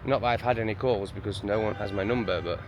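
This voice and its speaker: A man's voice: fairly low pitch, steady tone, fast talker, dull audio, a little hiss or hum. A man with an English accent in a casual vlog rant, exasperated and sweary, rambling from one gripe to the next. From England. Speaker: vlogger. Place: home in a town, street sounds outside.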